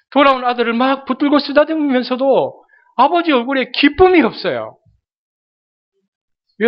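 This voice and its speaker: A man's voice: high voice, lo-fi sound. A male pastor preaching a sermon, speaking dramatically and addressing the congregation directly.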